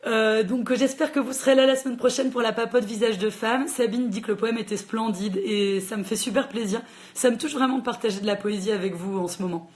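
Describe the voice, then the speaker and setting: A quick, chatty woman chats about books on a library's livestream. Her speech pours out in a rush, full of little fillers, in a casual tone that rings out into a phone mic. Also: on the high side, a little mellow. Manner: fast-talking, chatty, lots of fillers. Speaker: librarian hosting a book chat. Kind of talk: casual livestream book chat.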